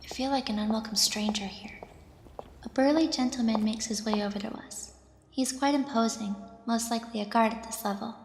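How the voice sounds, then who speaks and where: A woman's voice: on the high side, fairly quick, a little mellow, slight background noise, natural voice. A woman playing an anxious, deferential young squire, hesitant and stammering, narrating her own thoughts in an audio drama. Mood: uneasy wonder. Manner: hesitant, stammering when addressed. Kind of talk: scripted first-person dramatic narration. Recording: roomy, reverberant, music behind.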